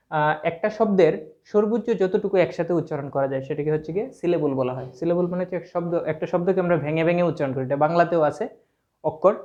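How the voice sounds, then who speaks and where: His voice is a little high and warm as he teaches an English grammar lesson in a Sylheti Bengali accent. He goes step by step and spells words out letter by letter. The recording has a dull, lo-fi quality.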